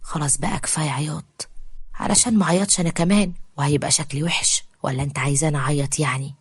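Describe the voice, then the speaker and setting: A woman's voice: low-pitched, steady tone, fast, slightly rough, no room sound, studio quality. Woman whispering as a tender young man. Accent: Egyptian Arabic. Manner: hushed, soft whisper. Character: tender young man comforting his ex-wife.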